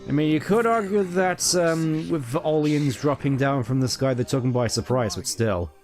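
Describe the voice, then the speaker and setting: A man's voice: a little high, normal speed, darkish tone. A man giving casual live game commentary as a streamer, musing and rambling wryly. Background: game music.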